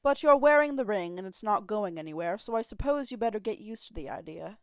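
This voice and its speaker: A woman voicing a prim female supercomputer with a slight British accent, calm, scolding and unbothered. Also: medium pitch, brisk, dry recording, clean studio sound, close to an everyday voice. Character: prim female supercomputer, a floating pair of lips.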